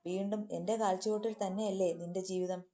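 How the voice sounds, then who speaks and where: A woman's voice: mid-range voice, steady tone, fairly quick, dark tone, natural voice. A woman voicing a domineering, abusive husband who speaks with contempt and threats in a storybook reading. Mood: contemptuous.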